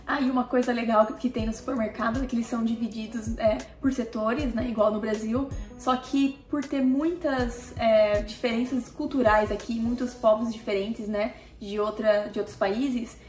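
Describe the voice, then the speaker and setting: A chatty Brazilian woman with a fairly high voice talks casually to her audience as a vlogger. She keeps pulling viewers in with quick asides. Her voice rings in a roomy, echoey space over faint background music. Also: steady tone, darkish tone. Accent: Brazilian Portuguese. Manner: chatty, keeps addressing viewers with tag questions. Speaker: family vlogger. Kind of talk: casual talk to camera.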